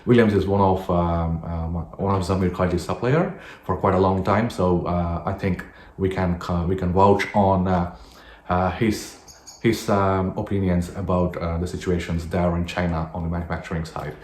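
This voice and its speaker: A man's voice: deep voice, fairly even intonation, moderate pace, a little mellow, reverberant. A man hosting and introducing a webinar clip, talking in a hesitant way with many fillers, his voice sounding re-recorded through a speaker. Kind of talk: unscripted spoken introduction.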